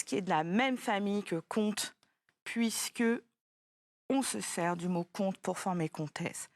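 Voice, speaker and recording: A woman's voice: medium pitch, no room sound. A woman teaching a child French spelling, patiently spelling words out letter by letter.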